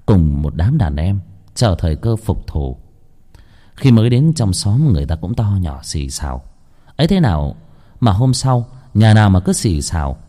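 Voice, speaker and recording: A man narrating a horror story in lively, colloquial storytelling. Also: lowish voice.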